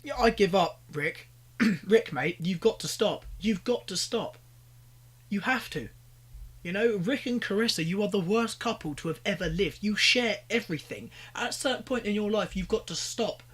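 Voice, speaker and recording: A man's voice: high voice, expressive, moderate pace, a bit bright, slightly rough. A young British man giving exasperated, ranting reaction commentary, pleading with the people on screen. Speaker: commentary YouTuber.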